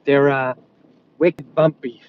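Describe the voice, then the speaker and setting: A man's voice: medium pitch, fairly even intonation, slow pace, clean tone. New man livestreaming, dull lo-fi sound. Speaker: storm-chasing livestreamer. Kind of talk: casual live chat while driving. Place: inside a moving car. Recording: dull lo-fi audio inside a vehicle.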